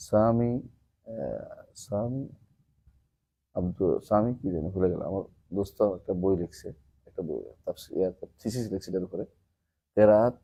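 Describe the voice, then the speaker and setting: Man teaching, dark voice. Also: lowish voice. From Bangladesh. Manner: asks students questions and explains term by term; recites Arabic verses and poetry slowly. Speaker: teacher of an Islamic text class. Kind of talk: classroom lecture with questions to students.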